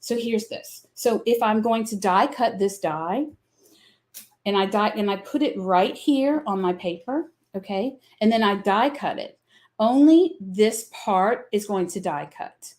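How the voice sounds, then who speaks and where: With a Southern accent, a middle-aged craft company host runs a live product demo, rambling along in a chatty, folksy manner packed with fillers. She speaks unhurriedly in a medium-pitched, expressive, slightly mellow voice.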